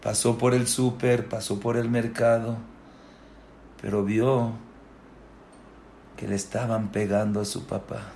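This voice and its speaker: A man, a rabbi, giving a Torah sermon, dropping to low murmurs and then rising into impassioned shouts, with rhetorical questions and repeated words. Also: little pitch movement, slow, creaky, pauses often, roomy sound, a little hiss or hum.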